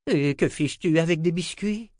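A cranky old wizard who grumbles but softens with children, as a male narrator voices him. His voice sits a little higher than the reader's own and is louder. The recording is dry and close. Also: normal speed, dry recording, natural voice. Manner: grumbling, gruff delivery.

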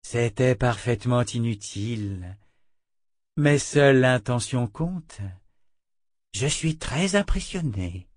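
A man voicing a soft-spoken sorceress seer. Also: medium pitch, animated, takes it slowly, long pauses, no room sound, clean studio sound. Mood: mocking. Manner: soft and pleading, then melodious. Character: seductive female seer, sorceress disguised as mother.

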